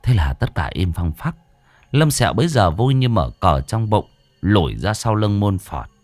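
A man narrating a ghost story in an expressive, dramatic reading. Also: on the low side, moderate pace, dry recording, faint music behind.

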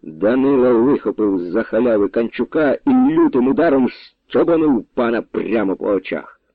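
A male audiobook narrator with an expressive, storytelling delivery. His pitch moves a lot through each sentence. The recording is dry and thin, as if heard through a phone. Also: moderate pace, no room sound. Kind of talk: dramatic audiobook reading. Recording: dry, tinny phone-like sound.

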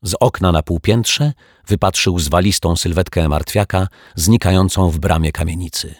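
A man narrating a children's storybook in a calm, even storytelling manner, recorded on a close microphone. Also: low-pitched, normal speed, no room sound. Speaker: audiobook narrator.

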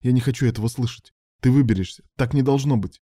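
In a dark, husky voice of medium pitch, a man speaks quickly as he plays a determined male surgeon issuing firm, urgent commands. The recording is studio quality with no room sound, and his character voice sits above his natural pitch while staying close to an everyday voice.

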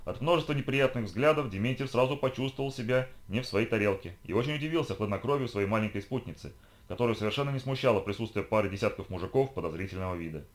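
A man reading an audiobook chapter in a brisk, even storytelling manner. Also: on the low side. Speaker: audiobook reader. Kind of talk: audiobook narration.

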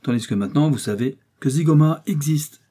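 A man voicing a boastful, excitable American detective who speaks French with an American accent, drawing out his words with emphasis. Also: fairly high pitch, slightly rough, pitched above the performer's own voice. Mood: explaining. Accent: American English speaking French. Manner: emphatic, drawn-out, proud. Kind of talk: audiobook character reading.

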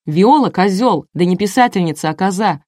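A woman reading an audiobook, voicing an angry male TV director who yells orders and curses. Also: on the low side, fairly quick, no echo, studio quality, natural voice. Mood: furious. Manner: yelling orders, cursing.

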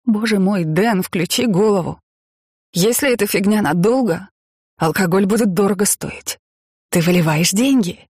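A narrator voicing a defensive, tearful middle-aged wife who pleads and flares up in emotional bursts, with a rough, breathy voice. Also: female voice, medium pitch, big pitch swings, unhurried, no echo, clean studio sound, voice pushed up, full character voice. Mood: exasperated.

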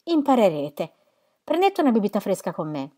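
A woman's voice: mid-range voice, very animated, moderate pace, warm tone. A woman voicing a charming, easygoing young man who teases playfully, read from a novel. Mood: teasing.

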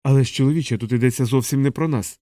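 A man reads a grave male doctor in an audiobook, speaking low and subdued. The voice is dark and mellow, recorded dry and close. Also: rapid-fire, dry recording, natural voice.

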